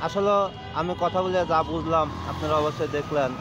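This Bangladeshi vlog host speaks in a high voice, fairly quick and with fairly even intonation, chatting casually to viewers and a young boy on a busy city roadside. The outdoor recording is muffled and noisy, with traffic, vehicles, city ambience and music in the background.

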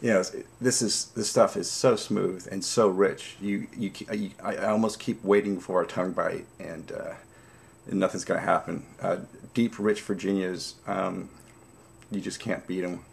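Low, creaky-voiced man chatting casually. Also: steady tone. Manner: savoring, unhurried pauses between puffs on a pipe. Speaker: pipe-smoking vlogger. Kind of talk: casual chat to camera. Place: small dim room at home, indoors.

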